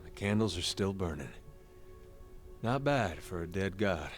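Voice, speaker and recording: A man's voice: expressive, unhurried. A man playing a wry companion in a video game, talking in a colloquial, storytelling way. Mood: wry, reminiscing. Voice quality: low-pitched. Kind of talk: video game character dialogue. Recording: game dialogue over background music.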